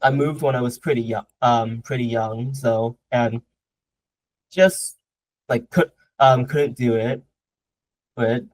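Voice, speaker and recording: A man's voice: medium pitch, steady tone, slow pace, pauses often, dry recording, poor audio. A young man from Southern Vietnam, answering interview questions casually, with a lot of hesitation, fillers and restarts. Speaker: guest martial artist.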